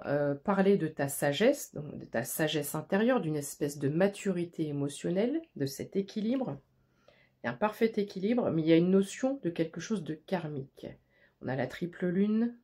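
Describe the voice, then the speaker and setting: A woman's voice: low-pitched, darkish tone. A woman giving a tarot reading to the listener, speaking in an intimate, reassuring way and often stumbling and repeating words as she goes. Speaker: tarot card reader. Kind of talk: tarot reading addressed to the viewer.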